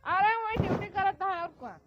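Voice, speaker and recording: A woman's voice: very high voice, animated, brisk, no room sound, dull audio. A woman with an Awadhi accent playing a daughter-in-law who coaxes her father-in-law for money in a comedy sketch.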